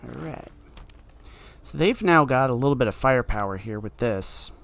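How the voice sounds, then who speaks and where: Gravelly man thinking aloud over gameplay. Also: medium pitch, lively intonation, normal speed, a bit bright. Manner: thinking aloud while playing, offhand. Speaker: card game streamer. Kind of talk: casual gameplay commentary.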